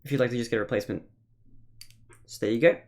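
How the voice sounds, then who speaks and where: Playful game master, middling pitch. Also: steady tone, very fast. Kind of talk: casual tabletop game narration.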